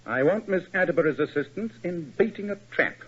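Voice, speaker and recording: An actor playing Sherlock Holmes in a 1940s radio drama, measured, polished and authoritative, on a lo-fi old broadcast. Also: male voice, sits high, lively intonation, over music. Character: Sherlock Holmes, cool, precise detective.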